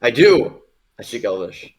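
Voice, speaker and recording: A man playing a tabletop game, speaking in character in a halting way full of fillers. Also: mid-range voice, sing-song. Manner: halting, many fillers and pauses. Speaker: player. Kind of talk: tabletop role-play, in character.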